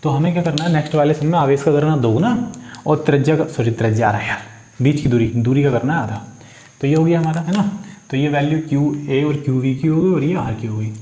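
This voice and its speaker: A man's voice: a little high, quick pace, mellow. A man teaching physics, working through numerical problems step by step. He asks questions and answers them himself, and addresses his students as "beta". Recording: echoey room, faint insect noise.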